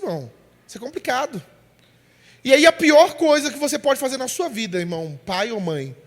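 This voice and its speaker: A man's voice: very high voice, long reverb tail. A man from preaching a sermon. He speaks emphatically, calls listeners "brother" and acts out the voices of the people he describes.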